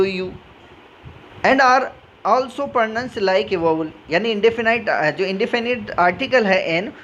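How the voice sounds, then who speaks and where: A man's voice: high-pitched, fairly bright tone, lo-fi sound, a little hiss or hum. A male teacher with a Rajasthani Hindi accent giving a grammar lesson, explaining step by step and answering his own questions. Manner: switches between reading English rules and explaining in Hindi.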